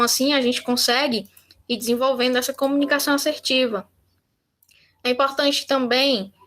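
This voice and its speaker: A woman's voice: high-pitched, a bit bright. A woman with a Brazilian Portuguese accent teaching a communication workshop in a conversational way, acting out short sample dialogues. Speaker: workshop instructor. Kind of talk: online workshop talk.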